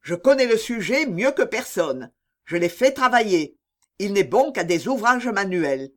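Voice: medium pitch, very animated, measured pace. A reader voicing a scornful domineering stepfather. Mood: scolding. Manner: contemptuous, scolding.

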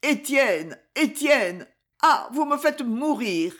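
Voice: medium pitch, very animated, a little slow, voice pushed up. A reader of a French novel voicing an old mother who cries out in grief and pleads in a trembling voice. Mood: anguished. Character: grieving old mother, a widow's anguish.

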